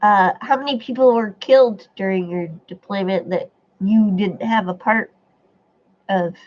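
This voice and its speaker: With a darkish, mid-range voice and an unhurried delivery, a stuffy-nosed host reads her chat aloud and responds on a casual live stream. The stream audio is dull and lo-fi.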